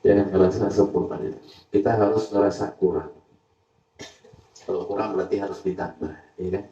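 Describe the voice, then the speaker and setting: A man preaching a sermon to a study gathering, emphatic and repetitive, at times swelling into loud pleading. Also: low-pitched, level tone, a little fast. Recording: roomy, distant, dull live-stream sound.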